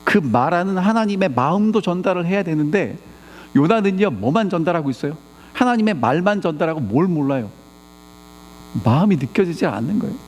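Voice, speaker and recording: A man's voice: high-pitched, a little fast. A man preaching a sermon as pastor, questioning his congregation again and again. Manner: animated, peppers the congregation with rhetorical questions. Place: church sanctuary. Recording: long church reverb.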